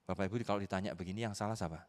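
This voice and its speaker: Pastor preaching in a reverberant hall. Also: male voice, very fast. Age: middle-aged. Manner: animated storyteller, acting out family members' voices with sharp leaps in pitch. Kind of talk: sermon with personal story. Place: church sanctuary.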